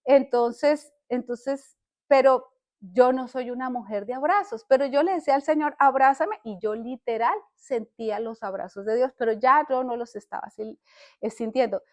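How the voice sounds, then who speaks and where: Earnest older woman, high voice. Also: darkish tone. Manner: earnest, halting, with many restarts. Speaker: podcast host. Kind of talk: personal faith testimony.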